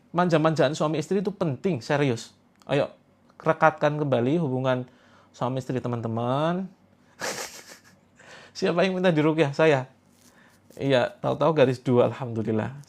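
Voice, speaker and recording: A man's voice: on the high side, a little mellow. A man hosting a live religious therapy stream, chatting playfully with viewers, reading their comments aloud and laughing often. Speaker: host of a live Quranic therapy session. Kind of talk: casual livestream chat reading viewer comments.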